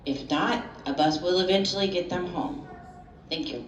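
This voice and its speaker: A woman making a brisk, formal announcement to teachers over a school intercom loudspeaker. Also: on the low side, very noisy. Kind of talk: public address announcement. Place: classroom, heard over the intercom. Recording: echoey far-off loudspeaker, dull lo-fi sound.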